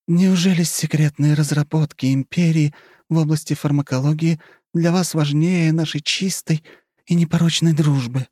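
A man's voice: fairly high pitch, fairly even intonation, moderate pace, dark tone, no echo, voice pushed up, natural voice. Brief: scheming noblewoman, teasing and coy, mock sighs; male reader puts on a raised voice, dry studio. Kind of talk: audiobook character reading.

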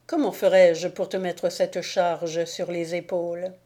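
A woman voicing a small meek old saint from a storybook, apologetic and soft, slow and mellow. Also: on the low side, little pitch movement.

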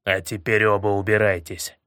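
A man's voice: fairly low pitch, little pitch movement, moderate pace, bright, forceful tone, clean tone, no room sound, clean studio sound, voice pushed down. A man voicing a ruthless middle-aged crime-boss father who speaks in curt, unmoved commands. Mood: cold.

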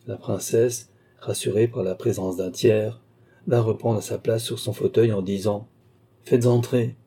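A male audiobook narrator reading a classic novel in a measured, even way. His voice is very dark and mellow, with a husky grain. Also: fairly low pitch. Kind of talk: scripted narration.

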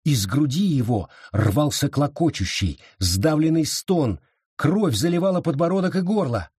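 Brief: male narrator, husky, lively pitch, dramatic reading, dry studio. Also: measured pace, dry recording. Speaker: audiobook narrator. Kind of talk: scripted narration.

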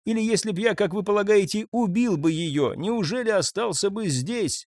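A man's voice: high-pitched, normal speed, darkish tone, dry recording, studio quality, voice pushed up. A man playing an agitated, defensive man brushing off accusations. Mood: indignant. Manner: indignant, flustered.

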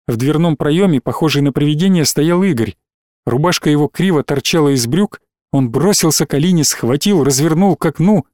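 Man, audiobook narrator, steady dramatic reading, fairly high voice, dry sound. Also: fairly quick, dry recording.

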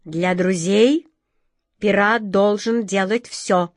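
A woman voicing a bold, bossy female pirate chief in a storybook reading, giving slow drawn-out commands. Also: medium pitch, no echo, studio quality. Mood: forced calm.

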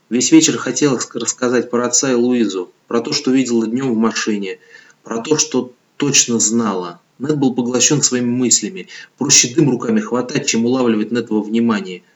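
A man reading an audiobook novel in calm, measured scripted narration, on a dull lo-fi recording. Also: medium pitch.

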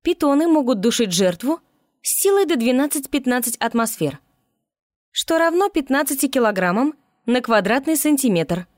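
A woman's voice: sits high, big pitch swings, moderate pace, dry recording, studio quality, voice pushed up. A woman reading an audiobook voices an eager male talking bun creature who reports facts.

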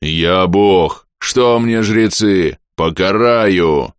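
A man voicing a huge, proud skeleton god of death who commands slowly and loudly. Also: low voice, no room sound, studio quality. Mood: commanding. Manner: slow, loud, commanding.

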